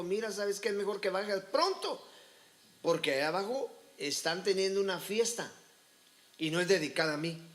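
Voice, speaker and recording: A man's voice: fairly high pitch, fairly bright tone. A male pastor preaching a sermon, telling his story and calling listeners brother. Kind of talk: sermon testimony.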